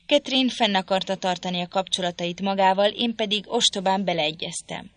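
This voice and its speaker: A woman reading a stern, formal gentleman. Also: medium pitch, close to an everyday voice. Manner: stiff, formal, reproachful. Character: stern, indignant gentleman husband, cold and formal.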